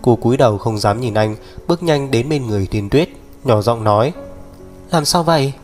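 Một người đàn ông đọc truyện audio, giọng đều đặn, kể chuyện theo kịch bản. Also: male voice, medium pitch, brisk, darkish tone. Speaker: audiobook narrator. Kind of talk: scripted narration. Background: faint music.

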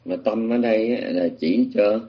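Male dharma teacher, husky and low, talks through a sutra with restarts, dull lo-fi recording. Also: normal speed. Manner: explanatory, with many restarts and fillers. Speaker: Buddhist teacher. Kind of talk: sutra lecture.

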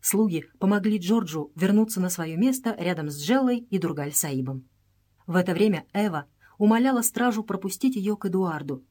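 A woman narrates an adventure novel in a steady, even storytelling voice. Her pitch sits in the middle range, and she keeps the reading measured. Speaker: audiobook reader. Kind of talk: scripted narration.

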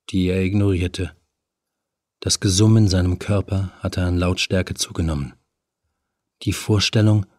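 A man narrating a horror audiobook in a measured, even storytelling manner. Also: low-pitched, no room sound, studio quality.

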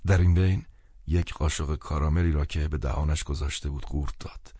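A man narrating an audiobook in an expressive storytelling manner, recorded dry and close. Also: very deep voice, husky, dry recording.

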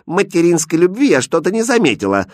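Guy putting on a bossy spoiled princess voice, cold and snooty, pitch jumping all over, dry close sound. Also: wildly swooping pitch, a little fast, a little mellow, no echo, exaggerated voice. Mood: icy demanding. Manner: cold, imperious, counting down. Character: haughty, spoiled young princess.

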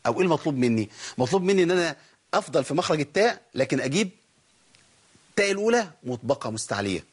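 Rapid-fire and very animated, a man with a slightly rough, higher-pitched voice and an Egyptian Arabic accent delivers a tajweed lesson. He explains each recitation rule of the Quran and answers the questions he puts to himself.

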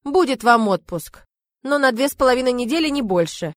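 A woman's voice: a little high, expressive, a little fast, dry recording, clean studio sound, voice pushed up, natural voice. A woman reading aloud, voicing a stern older male department chief who lectures his son and subordinates.

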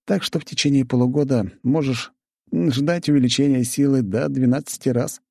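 A man voicing a calm, dryly teasing male healer, the first-person hero of an audiobook. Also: mid-range voice, moderate pace, vocal fry, voice pushed up.

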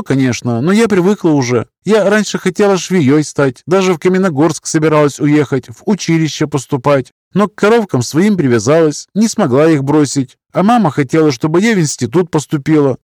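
A man voicing an earnest, gentle young village milkmaid who talks softly about her cows. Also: on the high side, no echo, studio quality, voice pushed up, lightly acted.

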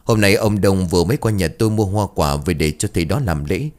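A gossipy older fruit seller who knows every rumor in the village, as a low-voiced male narrator reads her. The tone stays deep and relaxed, like a spoken storybook. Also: fast, lightly acted. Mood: chatty. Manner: chatty, knowing.

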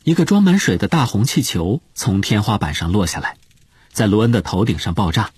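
Low-voiced, animated male audiobook narrator. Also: fairly quick, breathy edge, no echo. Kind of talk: expressive scripted storytelling narration.

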